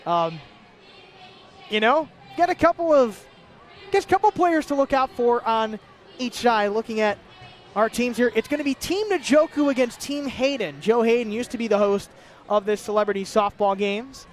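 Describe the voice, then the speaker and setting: Very high-voiced male play-by-play announcer. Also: normal speed. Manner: lively home run calls, chatty asides. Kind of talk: live sports commentary.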